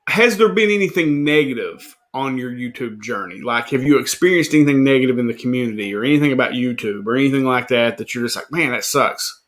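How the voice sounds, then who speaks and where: Male host, Southern Appalachian hillbilly accent, bright tone, folksy casual interviewing. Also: medium pitch, animated, fast, few pauses. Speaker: host of a comic book interview show. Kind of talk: casual video chat interview.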